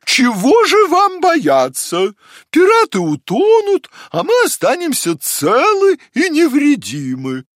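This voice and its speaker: A man voicing a calm, wise female owl in a fairy tale audiobook, speaking in a slow, high, sing-song scolding tone. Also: no echo, clean studio sound, heavily acted. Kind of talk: storybook reading.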